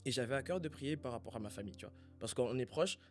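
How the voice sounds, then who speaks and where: A man from Congo in a casual faith conversation, speaking in a reflective, halting way as he searches for his words. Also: medium pitch, expressive, faint music behind.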